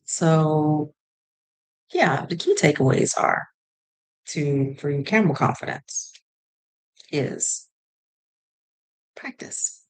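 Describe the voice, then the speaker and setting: A young woman vlogger with a low, darkish, animated voice talks to camera slowly with frequent pauses, rambling chattily as she gives advice like she's talking to a friend and slipping into playful voices. The audio quality is poor.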